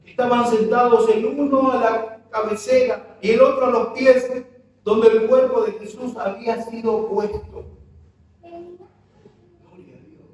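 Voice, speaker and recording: High-voiced man preaching in echoey church. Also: steady tone, unhurried, darkish tone. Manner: impassioned preaching with rhetorical questions to the congregation. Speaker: pastor. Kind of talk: sermon. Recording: very echoey church hall, mic far off.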